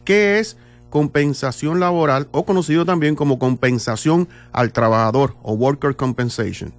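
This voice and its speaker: A man's voice: fairly high pitch, moderate pace, faint music behind. A man hosting a morning radio show, opening in an upbeat announcer style and interviewing a guest.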